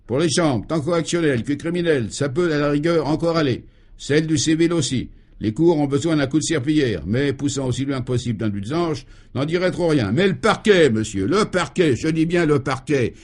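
Acting lightly, a man with a slightly high, slightly fast and somewhat mellow voice portrays an irascible governor in a 1950s radio play. The character is furious, blustering and bellowing in sputtering tirades.

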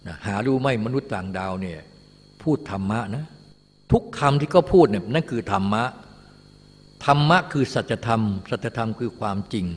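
A man's voice: mid-range voice, lively intonation, a little fast. An older man, a Buddhist teacher, giving a dharma talk in a casual storytelling manner and speaking of himself in the third person. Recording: long hall reverb.

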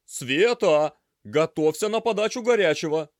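A man's voice: on the high side, lively intonation, a little slow, no echo, clean studio sound, pitched above the performer's own voice. A man voicing a stout, mustached head chef who barks orders across a busy kitchen in an audiobook. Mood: shouting orders. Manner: barking orders. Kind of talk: audiobook character voice.

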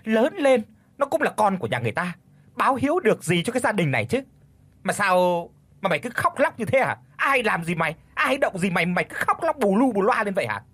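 A man doing a shrill, cruel old mother-in-law. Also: wildly swooping pitch, unhurried, hardly any pauses, slightly rough, no room sound, full character voice. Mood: furious scolding. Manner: harsh, scolding, shouting.

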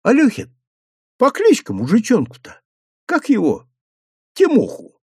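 Чтец изображает молодого сыщика в аудиокниге, спокойный и насмешливый, звук сухой. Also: male voice, very high-pitched, husky, no room sound, clean studio sound, pitched above the performer's own voice, full character voice. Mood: calm. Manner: calm, mocking, drawn-out. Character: sly calm young male detective.

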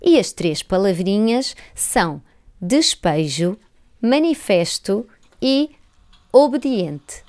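A woman hosting a radio program, reading a poem aloud and announcing a listener challenge in a slow, deliberate way. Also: mid-range voice. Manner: slow, deliberate reading with expressive rises and falls. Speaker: radio host.

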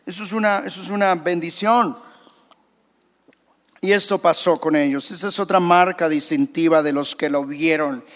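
A pastor with a high voice preaches with dramatic emphasis. His words ring out in a church hall that has a long reverb. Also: normal speed, fairly bright tone. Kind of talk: sermon.

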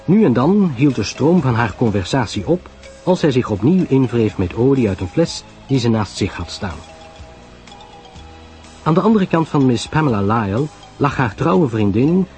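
A man narrating a radio drama in a lively storytelling manner. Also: mid-range voice, moderate pace, faint music behind.

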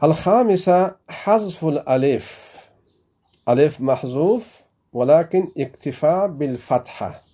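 A man's voice: a little high, mellow. A man from Afghanistan, a religious teacher giving a grammar lesson and repeating each example several times.

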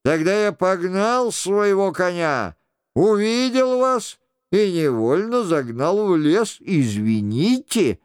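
A dashing young nobleman with a sonorous, merry voice, friendly and jovial, as a male reader voices him. The lines ride higher and come out smooth and resonant. The sound is dry and close. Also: big pitch swings, takes it slowly, no room sound, heavily acted. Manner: ringing, jovial.

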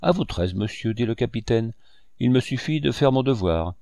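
A man's voice: mid-range voice, animated, moderate pace, dark tone, no room sound, studio quality, close to an everyday voice. A man reading an audiobook, voicing a blunt male ship captain who speaks formally and firmly. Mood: stern. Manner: formal, firm, clipped.

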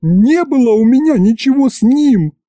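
A man voicing a loud, tearful older village woman who wails in folksy speech. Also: huge pitch swings, a little slow, dry recording, full character voice. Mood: indignant. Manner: shrill wailing, folksy speech.

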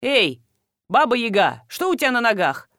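A woman voicing a gruff, blunt farmer. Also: fairly high pitch, big pitch swings, moderate pace, no echo, clean studio sound, pitched above the performer's own voice. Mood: mocking. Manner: loud, scolding and mocking. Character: hot-tempered middle-aged male farmer, gruff and blunt. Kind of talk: audiobook dialogue.

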